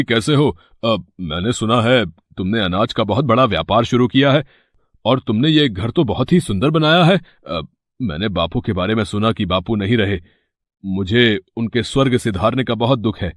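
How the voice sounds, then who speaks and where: A man's voice: mid-range voice, dry recording, close to an everyday voice. Greedy cartoon older brother played by a man, whiny pleading, dry close sound. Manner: whiny fake-crying pleading. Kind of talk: Hindi cartoon story dub.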